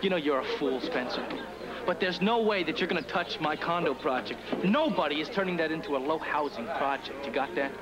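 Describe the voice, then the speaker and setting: A man's voice: on the high side, animated, fairly quick, lightly acted. A man playing a brash scheming developer. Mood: hostile. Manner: combative, sneering. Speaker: land developer in a soap opera. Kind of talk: 1980s daytime soap acting. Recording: loud music under the dialogue.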